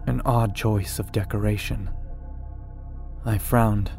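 A man giving a measured first-person scripted horror narration. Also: lowish voice, steady tone, creaky, over music.

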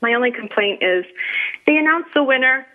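A woman with a northern US accent hosting a radio talk show, chatting in a chatty, excitable, gushing way. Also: sits high, brisk. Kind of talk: casual radio show chat. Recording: phone-like narrow sound.

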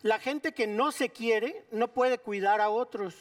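A man's voice: very high voice, takes it slowly, recorded from a distance. A man with a Mexican accent, a guest doctor giving urgent, pleading health advice on a talk show and mixing in slang.

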